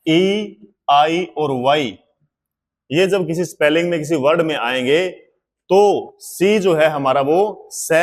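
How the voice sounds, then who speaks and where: A man teaching English pronunciation in a slow, classroom-style explanation, spelling words out letter by letter and repeating examples. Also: on the high side.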